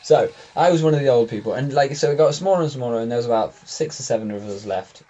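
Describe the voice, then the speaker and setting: A man's voice: medium pitch, quick pace, mellow, highs cut off. An English man co-hosting a casual podcast chat, rambling through stories with a joking manner and frequent laughter. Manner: jokey, laughs often, rambling storytelling. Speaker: podcast co-host.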